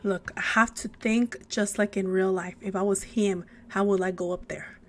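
A woman's voice: medium pitch, steady tone, moderate pace. A young woman giving casual gameplay commentary, talking to the game characters in a jumpy, giggly way. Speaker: let's play gamer.

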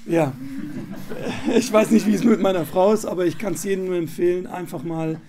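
A man's voice: sits high, steady tone, normal speed, a crowd in the background. A man sharing his experience of a meditation retreat, hesitant and searching for words with frequent fillers. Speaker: retreat participant. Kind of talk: casual spoken testimonial.

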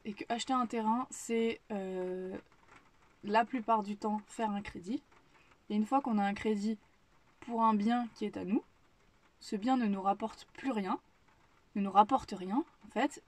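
Speaking a little slowly in a slightly mellow, medium-pitched voice, a young woman from France's Paris region talks to camera indoors in her kitchen. Her vlog is casual, and she thinks aloud with many restarts.

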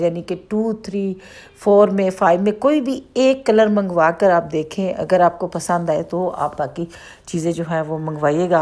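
A woman's voice: lowish voice, darkish tone. A woman with a Pakistani Urdu accent, a makeup artist who talks through each step of a bridal look in a chatty tutorial voice-over. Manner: chatty, explains each step as she goes.

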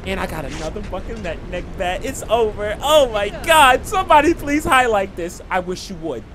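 A man streaming live gameplay, commentating and trash-talking opponents with brash, shouted taunts. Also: sits high, sing-song, normal speed, a crowd in the background. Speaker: game streamer. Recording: noisy stream audio.

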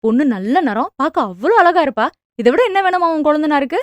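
A woman voicing an anxious, talkative middle-aged mother who scolds quickly and defends herself. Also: high voice, expressive, dry recording. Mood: defensive scolding. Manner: fast, fretful, scolding.

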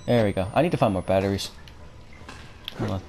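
A man's voice: lowish voice, fairly quick, vocal fry, a little mellow. A man with a dry throat streaming a horror game, uneasily muttering and swearing at the characters as he comments casually. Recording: faint background game ambience noise.

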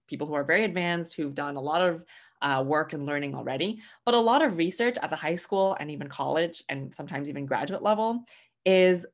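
A young woman from Hong Kong presenting an online webinar lecture, friendly and full of "um" fillers. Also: low voice. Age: young adult. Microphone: webcam mic at home, video call.

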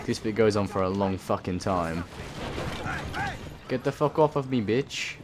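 Swearing, rambling lower-voiced gamer. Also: male voice, animated, unhurried. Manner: swearing, rambling, self-talking. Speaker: let's play host. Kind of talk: gameplay commentary. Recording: voice under game noise.

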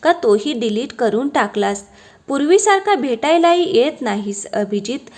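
A woman's voice: sits high, lively intonation, normal speed. A woman voicing a boisterous young man scolding and joking with his old friend in a read-aloud story. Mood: bantering. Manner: scolding banter, loud and friendly.

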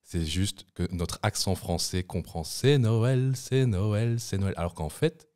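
Young man, very low voice, playful podcast co-host, sings snatches of songs, studio. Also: takes it slowly, darkish tone. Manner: playful, breaks into snatches of song. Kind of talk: casual podcast chat.

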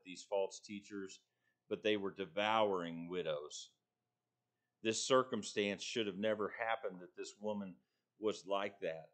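A middle-aged man preaching a sermon from a church pulpit, earnest and deliberate, pausing between phrases. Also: lowish voice, a bit bright. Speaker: pastor.

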